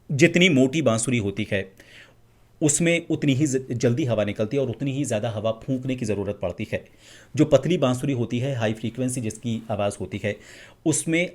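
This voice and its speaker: Calm, measured male voice coach. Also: medium pitch. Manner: calm, measured teaching, demonstrating vowels and humming. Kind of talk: instructional explanation.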